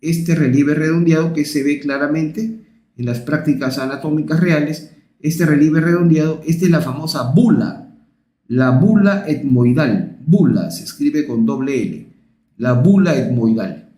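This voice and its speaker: A man's voice: a little high, a little slow, mellow, echoey room. A man giving a recorded anatomy lecture, repeating each term and checking in with his students. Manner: repetitive, checks in with listeners.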